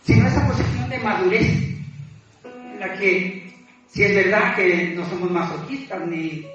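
With a high, slightly bright voice, a man preaches informally in an echoey room, alternating exhortation and confession. He halts, puts himself down and repeats phrases. Recorded from a distant mic, the sound is muffled and music plays underneath.

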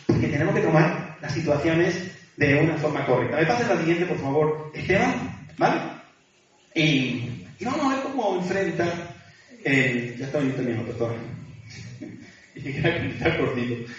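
A man's voice: on the high side, a bit bright. A man preaching a conversational sermon, chatty, checking in with his listeners through tag questions and light laughs. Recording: echoey hall from far off, dull sound.

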